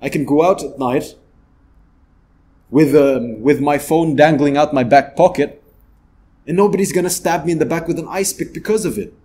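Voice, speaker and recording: A man's voice: fairly high pitch, normal speed, long pauses, mellow. A man from the Philippines, hosting a motivational vlog and giving earnest, big-brotherly advice. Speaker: channel host.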